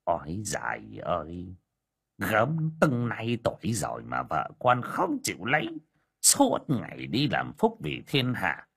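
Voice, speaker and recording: A sighing old village coffin maker, played by the narrator, lamenting slowly over a friend in a husky, lower voice. His words drag with pity in this audiobook tale. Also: wildly swooping pitch, fairly bright tone, exaggerated voice.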